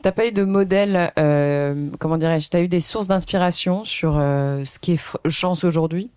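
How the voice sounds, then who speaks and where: A woman's voice: on the low side, normal speed, a little mellow, clean tone, no echo, studio quality. Friendly woman podcast host, rambling questions. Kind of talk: casual interview chat.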